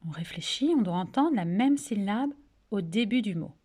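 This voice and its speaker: A woman teacher with a French accent leads a recorded phonics lesson for young children, pronouncing each word slowly and clearly, asking gentle questions and praising the answers. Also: medium pitch, expressive. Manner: slow, clearly articulated, patient, coaxing questions and praise. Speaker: kindergarten teacher.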